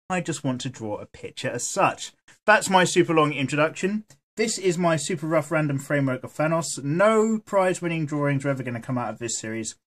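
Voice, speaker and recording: A man's voice: fairly high pitch, a bit bright. Rambly man losing his voice. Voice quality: rambling, swears freely. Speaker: art vlogger. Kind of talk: casual chat while drawing.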